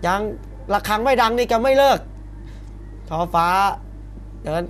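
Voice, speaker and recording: A man's voice: very high-pitched, animated, measured pace. A man doing live play-by-play of a Muay Thai bout in punchy short calls with exclamations. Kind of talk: live sports commentary. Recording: broadcast with arena crowd noise behind. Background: faint fight-arena ambience.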